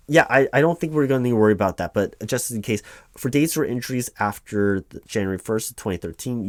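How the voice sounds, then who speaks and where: A man with a lowish, natural voice plays a workers' compensation claims helper in a loud-spoken ASMR roleplay, reading forms aloud and ad-libbing rambling, hesitant asides full of stammered repeats. His tone is reassuring, official and instructive, and the recording has no echo.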